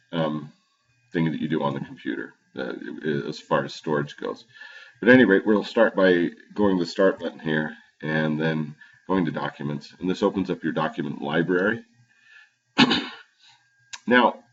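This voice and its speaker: A male teacher at home giving a halting screen-recorded computer tutorial with frequent fillers and restarts, recorded on his computer's low-quality built-in microphone. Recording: dull lo-fi built-in computer mic.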